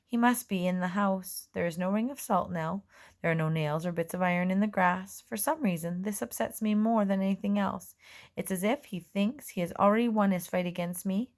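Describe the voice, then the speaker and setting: A woman narrating a children's storybook in the first person, in a gentle, measured way. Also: mid-range voice. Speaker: audiobook reader.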